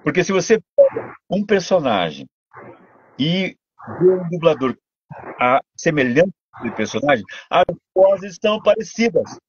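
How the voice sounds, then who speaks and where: An older man with a Brazilian Portuguese accent, a voice actor and dubbing director telling stories in a casual interview, animated and full of restarts. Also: fairly high pitch, a little slow, breathy edge, no room sound, highs cut off. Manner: animated storytelling, many restarts.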